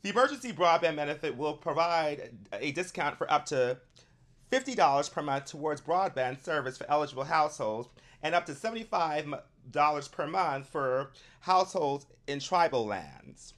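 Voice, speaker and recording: Slightly high-voiced man, rambling casually. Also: moderate pace, a bit bright. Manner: rambling, thinking aloud. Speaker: vlogger checking a program. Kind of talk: casual spoken commentary.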